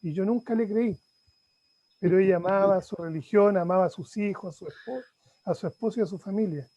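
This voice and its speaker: A man's voice: sits high, a little fast, mellow, rough recording. A middle-aged man sharing about his grief in a class, hesitant and heartfelt, often restarting. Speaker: student in counseling course.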